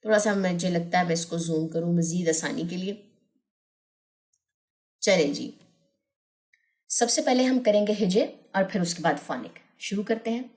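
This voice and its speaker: A woman teaching Quran recitation online, drilling syllables slowly and repeating each one, with quick asides in between. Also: fairly low pitch, expressive, a little mellow.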